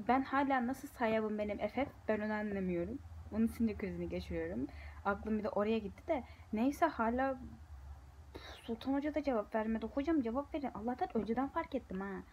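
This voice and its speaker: Young female student vlogger, fairly high voice, rambling and exasperated, faint hiss behind. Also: darkish tone, poor audio. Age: young adult. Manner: frustrated, rambling venting. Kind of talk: casual vlog talking to viewers.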